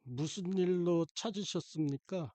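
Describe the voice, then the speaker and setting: A man's voice: fairly high pitch, unhurried, warm tone, no room sound, lightly acted. A man voicing a timid, polite young male apprentice who speaks hesitantly in an audiobook.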